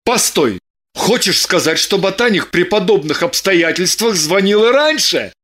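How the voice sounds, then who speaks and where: A woman voicing an excitable, suspicious man with agitated exclamations. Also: fairly low pitch, moderate pace. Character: excitable, suspicious young-ish man, her lover.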